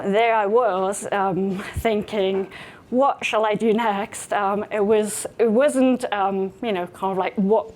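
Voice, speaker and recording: A woman's voice: mid-range voice, a little mellow. A woman in her forties from Switzerland, speaking to a live audience about founding her company, chatty, with many fillers and restarts. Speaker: startup founder giving a talk. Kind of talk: conference talk. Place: conference venue.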